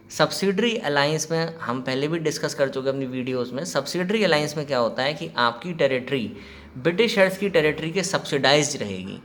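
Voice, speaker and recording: A history teacher gives a chatty exam-prep lecture, mixing Hindi and English, quizzing his students, and acting out quoted exchanges. His voice is medium-pitched and slightly bright, with a little background noise.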